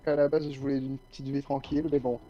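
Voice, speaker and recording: Fantasy tabletop lord male player, very soft-edged dark voice, courteous, modest and formal. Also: mid-range voice, flat delivery, quick pace, highs cut off, soft background music, close to an everyday voice. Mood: polite. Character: polite, modest new Norse jarl.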